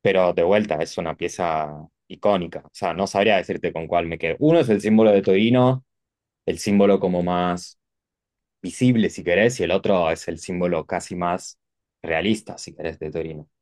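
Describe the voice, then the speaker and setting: With a low-pitched voice at a moderate pace, captured in clean studio sound without room ambience, a man from Turin chats casually in Spanish of the Rioplatense kind, tinged with Italian. He is an architect guest, relaxed and rambling, often filling pauses and correcting himself.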